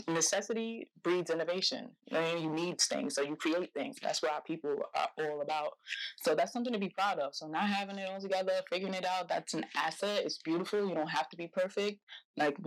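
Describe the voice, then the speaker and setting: Chatty young woman, expressive guest. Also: sits low, rough recording. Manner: expressive, chatty, many "like" fillers. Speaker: guest, hairstylist and fashion entrepreneur. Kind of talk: casual interview talk.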